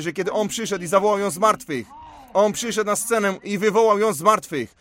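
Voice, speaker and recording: A man with a fairly high voice delivers a sermon. He retells stories with emphatic, storytelling force and leans hard on key words. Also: fairly bright tone. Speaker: preacher.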